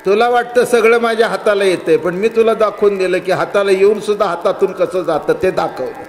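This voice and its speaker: An older man voicing a calm, gently teasing cowherd god within a devotional sermon story, speaking in a knowing, instructive way. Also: high-pitched, a little fast, soft background music, close to an everyday voice.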